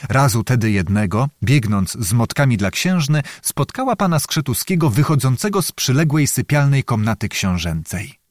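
A man reads a historical novel aloud with theatrical flair. His mid-pitched voice is animated and rises and falls a lot. The recording is dry and close, with no room sound. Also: moderate pace, hardly any pauses, no echo. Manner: expressive, theatrical storytelling. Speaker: audiobook narrator. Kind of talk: scripted narration.

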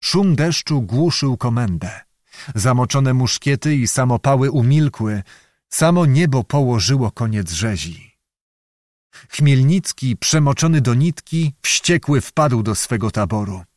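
A man reading a historical novel aloud as an audiobook narrator, in a measured, dramatic way. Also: medium pitch, expressive, a little mellow, dry recording, clean studio sound.

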